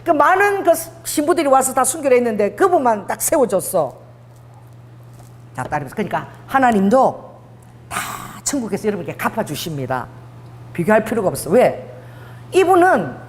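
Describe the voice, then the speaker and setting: A woman's voice: fairly high pitch, moderate pace, pauses often. A middle-aged woman pastor with a Busan accent preaching a sermon, telling stories animatedly and acting out dialogue. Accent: Busan dialect. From Busan, South Korea. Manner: animated storytelling, acts out dialogue, laughs often. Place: church sanctuary. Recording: long hall reverb.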